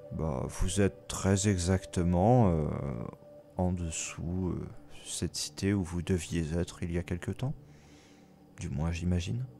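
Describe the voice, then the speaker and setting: A man voicing a mysterious, aloof watcher spirit that speaks slowly and quietly. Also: low voice, creaky, slight background noise, pitched below the performer's own voice, heavily acted. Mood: hushed, enigmatic. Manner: slow, hushed, measured.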